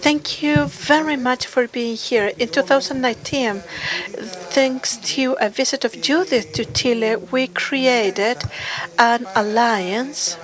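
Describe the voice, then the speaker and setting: A woman working as a live conference interpreter, delivering speech in halting, piecemeal phrases. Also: on the high side, low-quality recording. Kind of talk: simultaneous interpreting.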